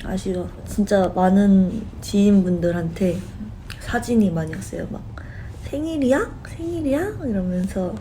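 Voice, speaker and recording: Young woman, live-stream host, loose friendly chat, laughs a lot, warm low-key timbre, faint background noise. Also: steady tone, normal speed, rough recording. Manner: chatty and giggly, laughing often.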